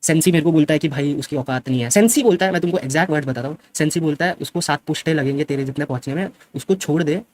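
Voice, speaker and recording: A young man, a streamer, retelling a fight in a fast and defensive way and mixing in English words. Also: a little high, a little hiss or hum. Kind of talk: casual storytelling.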